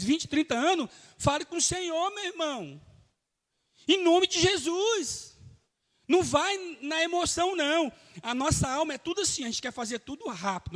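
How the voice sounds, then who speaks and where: A man's voice: very high-pitched, fairly bright tone. A man preaching a live church sermon as pastor, emphatic and calling out to the congregation. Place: church hall. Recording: reverberant church hall.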